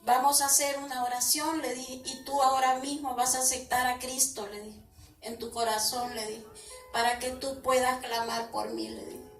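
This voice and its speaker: High-voiced woman testifying in an echoey room. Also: little pitch movement, normal speed. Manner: retells dialogue, repeating "I told him" after each phrase; keeps addressing listeners as brothers. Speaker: church member giving testimony. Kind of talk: personal religious testimony. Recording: echoey room, voice far from the mic, faint music.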